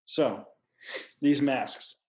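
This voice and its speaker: A man running a tabletop game as game master, describing scenes in a measured way that slows down for detail. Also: medium pitch, a little mellow.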